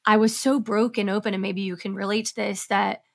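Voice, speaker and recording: A woman's voice: medium pitch, level tone, fairly quick, creaky. A woman guest on a podcast, speaking candidly and with passion, swearing freely as she talks. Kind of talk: casual interview chat.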